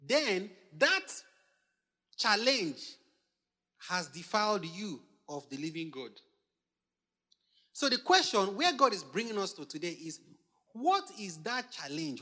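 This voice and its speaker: A man's voice: high-pitched, sharp tone. A man preaching a sermon, emphatic, repeating phrases and putting questions to the congregation. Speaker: pastor. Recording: long hall reverb.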